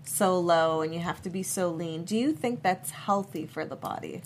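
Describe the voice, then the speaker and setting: A woman's voice: fairly low pitch, moderate pace, a little hiss or hum. A woman co-hosting a talk show, asking the guest questions and chatting in an enthusiastic, easygoing way. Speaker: co-host. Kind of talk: casual talk-show chat.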